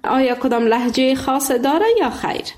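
High-voiced woman hosting a radio call-in. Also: steady tone, roomy sound. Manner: polite, warmly formal with callers. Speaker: radio call-in show host. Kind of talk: live radio call-in chat.

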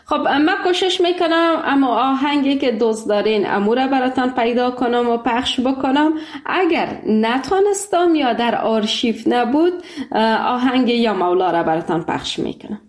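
A woman's voice: on the high side, roomy sound. A woman hosting a live radio call-in show, polite and formal with callers.

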